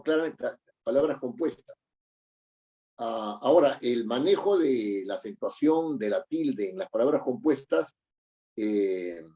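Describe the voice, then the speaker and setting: A man's voice: medium pitch, warm tone. A middle-aged man teaching a class, explaining patiently with many fillers and tag questions. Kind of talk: online class lecture.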